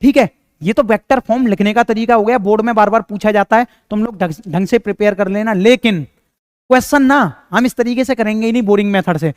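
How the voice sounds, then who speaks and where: Chatty high-voiced male physics teacher. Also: quick pace, clear, resonant tone, dry recording, clean studio sound. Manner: chatty, jokey, addresses students directly. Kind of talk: casual classroom lecture.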